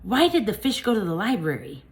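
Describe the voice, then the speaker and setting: A woman's voice: medium pitch, big pitch swings, brisk, voice pushed up, lightly acted. A woman voicing an eager schoolboy who loves telling jokes, in an audiobook reading. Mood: gleeful. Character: gleeful joking schoolboy.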